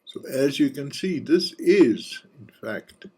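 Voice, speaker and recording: A man hosting a casual screencast walkthrough of software, thinking aloud and dropping relaxed joking asides. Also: mid-range voice, slow, slightly rough. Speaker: software reviewer and channel host.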